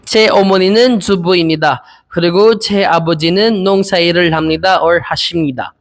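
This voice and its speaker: Young man practicing Korean answers. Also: high-pitched. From Philippines. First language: Filipino. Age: 20s. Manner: hesitant, repeats each phrase slowly. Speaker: Korean language learner. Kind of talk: practicing interview answers aloud.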